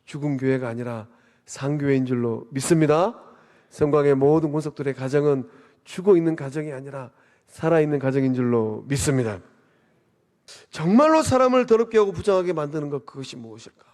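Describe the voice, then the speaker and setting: In a church sanctuary, a pastor delivers a sermon, posing rhetorical questions and swelling up to stress his points. His voice is medium-pitched, brisk and darkish. The long reverb of a church hall surrounds him.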